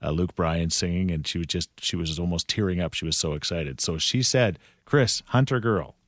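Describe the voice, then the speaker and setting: A man's voice: low-pitched, normal speed, fairly bright tone, no room sound. A man hosting a morning radio show in the upbeat manner of a radio contest promo, on a studio microphone.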